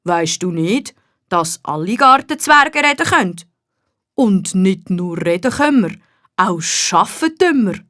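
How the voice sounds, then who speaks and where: Storybook gnome, male, cheerful, slow and deep, put on by a Swiss German woman. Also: very animated, a bit bright, no echo, studio quality. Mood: content. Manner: slow, deep-toned, contented. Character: cheerful talkative male garden gnome, unhurried. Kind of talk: children's storybook reading.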